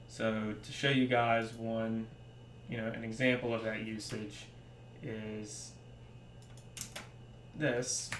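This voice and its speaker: A young man talks through a casual coding tutorial in a relaxed way, full of ums and pauses, with a gravelly edge to his voice. He is recorded in a roomy home space with a faint hum behind him. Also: medium pitch. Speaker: software library developer.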